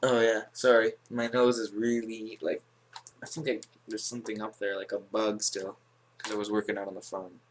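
A man casually commentating his own gameplay for viewers, joking at his own expense, swearing, whispering when tense and jumping into a squeaky high voice to taunt other players. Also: flat delivery, moderate pace, a little hiss or hum. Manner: jokey, self-mocking, swears, talks to viewers. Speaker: gaming video host.

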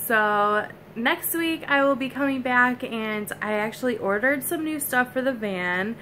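A woman's voice: a little high, animated, measured pace, bright, forceful tone, a little hiss or hum. A young woman chatting casually to camera as a vlogger, filming on her phone held at arm's length. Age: young adult. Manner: chatty, friendly, loose with fillers. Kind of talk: casual vlog talk to camera. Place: outdoors on a windy summit, then indoors.

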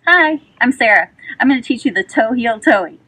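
A woman's voice: a little high, animated, moderate pace, pushed and bright, husky. A woman teaching a tap step, chanting the steps from a distance. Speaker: dance instructor. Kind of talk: dance tutorial.

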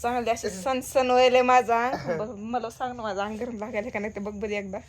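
A woman's voice: a little high, steady tone, brisk, a little hiss or hum. Chatty, laughing woman vlogger. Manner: chatty, laughing, playfully complaining. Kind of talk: casual vlog chat.

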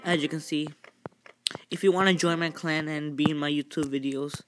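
A man giving casual gameplay commentary as a channel host. He talks in a halting, rambling way with many fillers and restarts, and cheers loudly at the game. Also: fairly high pitch, fairly even intonation. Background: game music.

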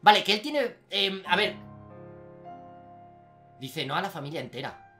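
A young man with a Spain Spanish accent doing excitable let's-play commentary as a gaming YouTuber, often breaking into shouted exclamations. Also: high-pitched, unhurried, faint music behind.

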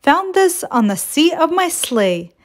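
A woman's voice: very high voice, sing-song, unhurried, pitched above the performer's own voice, exaggerated voice. A woman reading the lines of a jolly, kindly old Santa in a children's storybook, in a cheerful, friendly way. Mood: warm.

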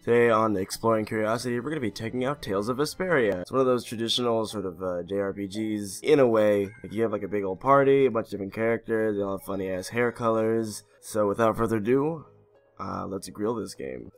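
A man's voice: lowish voice, quick pace, soft background music. A man giving comedic commentary while playing a game, sarcastic and profane.

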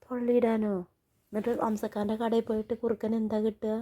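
A woman chatting gently with a small child at home, coaxing and reassuring in a calm, patient way. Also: on the high side, fast talker. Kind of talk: casual chat with a small child.

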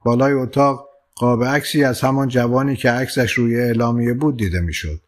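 A male audiobook narrator telling a literary story in a calm, measured way. His voice sits at an ordinary middle pitch for a man, and his pacing stays steady and unhurried. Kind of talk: scripted narration.

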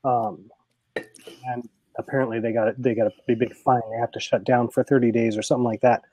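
A man's voice: medium pitch, little pitch movement, a little fast, dark tone, a little hiss or hum. A man co-hosting a casual beer chat, speaking in an easygoing way with some hesitations.

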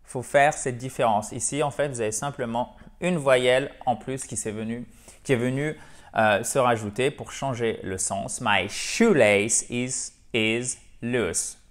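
Chatty French teacher explaining English. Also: male voice, medium pitch, moderate pace. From French-speaking. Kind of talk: online language lesson.

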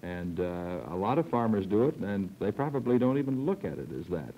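A man's voice: fairly low pitch, sing-song, fairly quick. A young man hosting a TV panel, asking long, hesitant questions at a studio desk microphone, with old film sound. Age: young adult. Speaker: host. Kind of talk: TV panel discussion. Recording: dull 1960s TV film sound.

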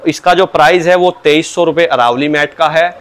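Guy selling stuff, fairly high voice, patient salesman tone, keeps saying sir. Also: fairly quick. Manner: patient, salesman-like, repeatedly opens with "sir, look". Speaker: cow mat dealer. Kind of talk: product explanation in an interview.

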